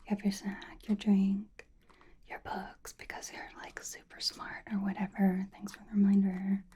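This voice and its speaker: A woman speaks almost entirely in a hushed whisper, her tone dark and mellow. She talks straight to the listener, teasing and blunt, like a friend sitting across a library table. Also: mid-range voice, monotone, a little slow. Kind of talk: whispered roleplay monologue to the listener.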